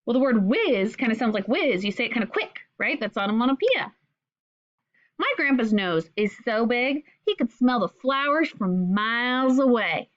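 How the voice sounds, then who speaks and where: A woman teaching figurative language to children, asking questions and sounding words out slowly in an encouraging way. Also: on the high side, animated. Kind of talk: explaining lesson to children. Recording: dull lo-fi recording.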